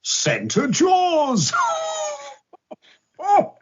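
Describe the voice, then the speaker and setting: An actor playing a jolly old Santa Claus, with a husky voice, hearty ho-ho-ho laughs and a slow, sing-song delivery, heard through a smart speaker. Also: male voice, extremely high pitch, huge pitch swings, exaggerated voice. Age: older. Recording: muffled lo-fi playback from a smart speaker.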